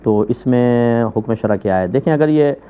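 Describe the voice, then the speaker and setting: A man from Pakistan, a mufti, calmly answering religious questions in a measured, methodical way. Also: medium pitch, clean tone. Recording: phone-like narrow band.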